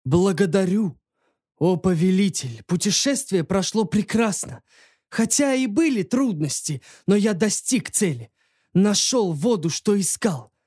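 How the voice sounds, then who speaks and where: A man's voice: sits high, expressive, unhurried, a little mellow, husky, dry recording, studio quality, heavily acted. A man voicing a courteous young prince reporting to a king. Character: young male prince, polite and earnest.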